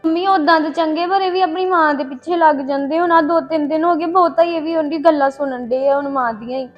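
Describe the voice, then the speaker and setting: A woman's voice: high-pitched, fairly even intonation, fast talker, muffled recording, faint music behind, natural voice. Woman as a tearful Punjabi young wife. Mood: complaining, tearful. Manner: complaining, pleading. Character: unhappy young married daughter, tearful. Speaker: daughter on the phone. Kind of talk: family drama acting.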